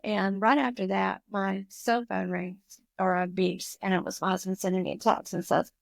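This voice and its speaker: A woman in her fifties, a podcast guest, telling a personal story in an animated, emotional way. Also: medium pitch, normal speed, vocal fry, no room sound. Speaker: guest, recovery school founder.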